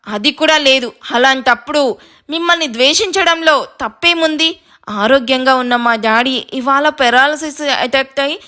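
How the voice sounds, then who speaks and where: A woman's voice: sits high, sharp tone. Woman voicing a fiery young heroine, Abhi. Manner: scolding, quick-tempered, playful. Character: fiery sharp-tongued young woman, teasing sister-in-law. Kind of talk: audio story reading.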